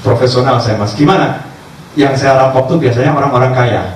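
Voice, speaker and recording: A man, a religious teacher telling stories in a sermon, acting out dialogue in lively voices. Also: mid-range voice, a little fast. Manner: animated storyteller acting out dialogue. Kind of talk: sermon storytelling. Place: cafe gathering. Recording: echoey distant room recording, faint background noise.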